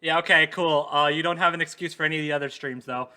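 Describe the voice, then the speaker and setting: A man hosts a casual podcast chat, talking loosely with plenty of ums and short laughs. His voice sits a bit high for a man. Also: steady tone, pushed and bright, clear, resonant tone. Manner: chatty, fills pauses with ums and laughs. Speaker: podcast host.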